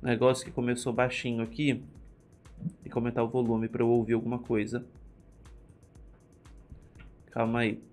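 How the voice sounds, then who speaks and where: A man's voice: medium pitch, monotone, a little mellow, soft background music. A man with a Brazilian Portuguese accent commenting live on a reality show, gossipy and exasperated, recapping the cast's arguments and reading chat messages. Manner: gossipy, exasperated, quotes the cast in quick recaps. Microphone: headphones and desk mic.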